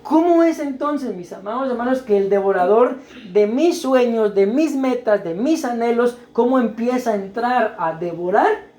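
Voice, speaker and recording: A man's voice: very high-pitched, lively intonation, normal speed, a little mellow. A male pastor preaching a teaching sermon in a church, explaining step by step, often asking "right?" and putting questions to the congregation. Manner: explanatory, checks understanding with frequent "¿verdad?"; questions the congregation and waits for answers.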